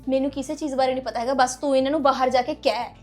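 A woman playing a scheming, fast-talking young woman. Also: high voice, steady tone, darkish tone, soft background music, close to an everyday voice. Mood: pleading. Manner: urgent, conniving. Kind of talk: amateur web-drama acting.

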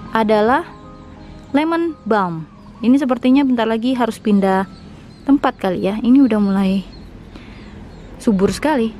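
A woman's voice: fairly high pitch, a little mellow. A young woman narrating a casual tour of her rooftop garden, chatty and enthusiastic as she explains each plant. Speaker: vlogger, home gardener.

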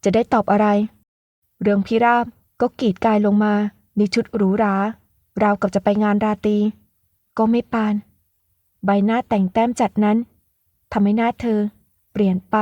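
A woman narrating an audiobook novel in a steady, measured storytelling voice. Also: mid-range voice, no room sound, dull audio.

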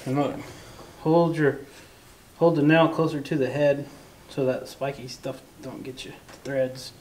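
Brief: middle-aged farmer, patient and gentle coaching tone, recorded in a noisy barn by a camera mic. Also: male voice, mid-range voice, level tone, a little slow. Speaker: farmer teaching a boy carpentry. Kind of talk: patient step-by-step instruction. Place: large metal barn, indoors. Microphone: camera mic, varying distance. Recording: noisy barn, drill sounds.

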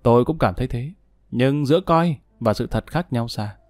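A man's voice: mid-range voice, moderate pace, a little mellow, no room sound, faint music behind, close to an everyday voice. A condemned killer waiting to be shot, gloomy and self-pitying, as a male storyteller plays him. The voice sits in the narrator's own mid-range, read dry and close to the mic. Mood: remorseful. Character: condemned male murderer, remorseful and bleak.

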